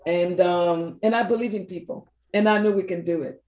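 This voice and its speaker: A team coach whose first language isn't English speaks earnestly and emphatically in a casual conversational interview, repeating her key phrases. Her voice is on the low side, steady, dark-toned and at normal speed, and the room gives it a roomy echo.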